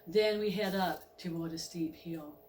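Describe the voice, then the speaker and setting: A woman's voice: fairly low pitch, unhurried, darkish tone, echoey room, a little hiss or hum. A woman storyteller narrating a story in the first person with dramatic delivery. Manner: dramatic, with spoken train sound effects.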